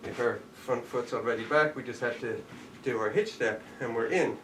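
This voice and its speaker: Here a jujitsu instructor speaks at a moderate pace and medium pitch during a live online martial arts class. He walks through the moves while showing them, calling out the steps. Sound comes from a distant mic in an echoey room with faint background noise.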